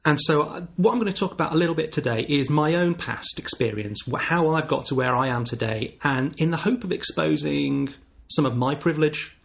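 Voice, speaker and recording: A man in his forties from the north of England, with a softened northern English accent, hosting his own podcast in a reflective, candid monologue. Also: fairly high pitch, fairly quick, vocal fry, breathy edge. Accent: northern English, softened by years in the south. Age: 40s. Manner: reflective, candid, thinking aloud with small restarts. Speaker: podcast host.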